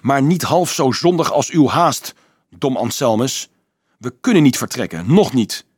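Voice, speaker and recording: A man voicing a hot-tempered, defiant teenage boy who snaps and shouts, his voice cracking with rage. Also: mid-range voice, animated, a little slow, husky, dry recording, clean studio sound, voice pushed up. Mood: angry. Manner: snapping, shouting in anger.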